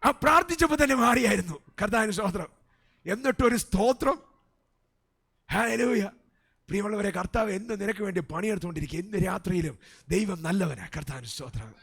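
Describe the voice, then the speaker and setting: A Malayali pastor preaching with a fairly high-pitched male voice. He drops to soft asides, then climbs to loud shouted peaks. Amens and hallelujahs fill every pause. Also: gravelly, breathy edge. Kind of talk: sermon. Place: church service.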